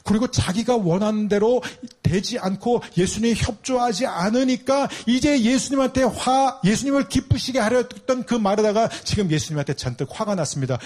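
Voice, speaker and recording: A man preaching a sermon, animated and asking the congregation rhetorical questions. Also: sits high. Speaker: pastor.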